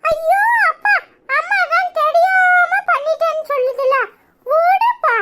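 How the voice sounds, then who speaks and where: A woman's voice: measured pace, heavy background noise. A woman voicing two small boys pleading with their mother, in a Kanyakumari Tamil accent and a whiny, childlike way. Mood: clingy pleading. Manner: whiny, clingy, high childlike voice. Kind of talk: village comedy serial acting.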